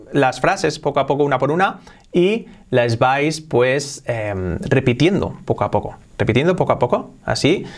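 A man teaching an English lesson in a casual video, repeating phrases slowly and switching between two languages. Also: medium pitch.

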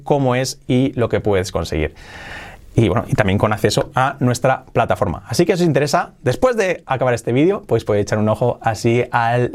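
A man from Spain teaching English, slowly repeating phrases to model pronunciation. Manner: models phrases with slow, drawn-out repetitions; lively intonation, jumping high on questions. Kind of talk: English lesson.

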